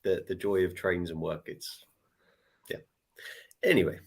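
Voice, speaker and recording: A man, a co-host on a live stream, speaking in a halting way and repeating his words. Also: sits low, steady tone, gravelly, husky. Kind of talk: casual live-stream chat.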